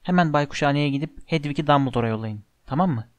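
A man's voice: a little high, fast, dry recording, close to an everyday voice. Harry, a man doing a brave schoolboy wizard. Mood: steady.

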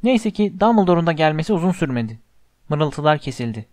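A man narrating an audiobook in measured, scripted storytelling. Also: on the high side, sing-song, darkish tone, dry recording.

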